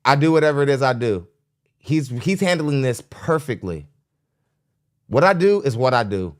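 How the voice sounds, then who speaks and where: A podcast host gives live reaction commentary into a studio microphone, sounding blunt, mocking, and preachy. His medium-pitched voice has lively intonation and moves at a normal speed.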